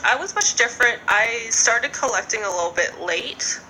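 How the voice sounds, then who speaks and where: A woman's voice: fairly high pitch, animated, normal speed, sharp tone, slight background noise, low-quality recording. A woman in her twenties telling a story in casual podcast chat, rambling with lots of fillers.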